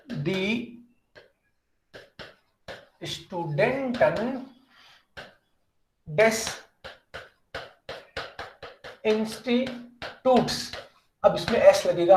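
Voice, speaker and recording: A man teaching grammar to a class, slow and patient, spelling out each example and mixing in English terms. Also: high-pitched, darkish tone, roomy sound, slight background noise. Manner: mixes English terms into his talk. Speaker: German teacher.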